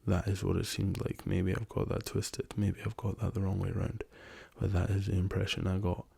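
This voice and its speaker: An ASMR channel host chats softly about travel in a low, gravelly, monotone voice made hoarse by a lingering cough. He speaks slowly and hesitantly, with many ums, often drifting into whispers.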